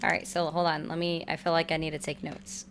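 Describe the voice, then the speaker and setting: A woman's voice: low voice, flat delivery, brisk, fairly bright tone, a little hiss or hum. A woman hosting a political call-in livestream, chatting and debating casually with callers.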